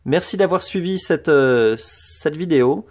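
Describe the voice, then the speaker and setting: A man's voice: fairly high pitch, expressive, unhurried. A man giving a casual show-and-tell tour of his collection, hesitant, with many fillers and restarts.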